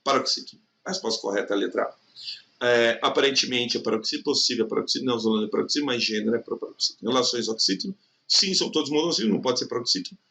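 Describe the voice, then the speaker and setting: A man teaching an exam prep lesson in Brazilian Portuguese, chatty and checking in with the listener often, stretching words out slowly to show the stressed syllable. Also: medium pitch, creaky, bright, forceful tone. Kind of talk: recorded online lesson.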